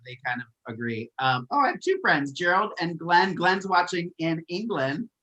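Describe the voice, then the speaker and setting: A host on a recap panel, frank and blunt, reading out viewer comments. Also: male voice, high-pitched, animated, normal speed, bright, forceful tone. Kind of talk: casual recap chat.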